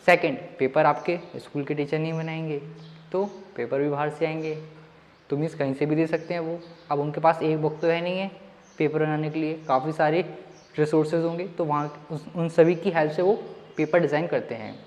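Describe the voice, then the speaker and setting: A man's voice: a little high, steady tone, a little fast, a little mellow. A man teaching maths in a casual online lesson, talking straight to his students and mixing English words into his talk. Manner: chatty, addresses students directly, mixes in English words. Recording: long reverb.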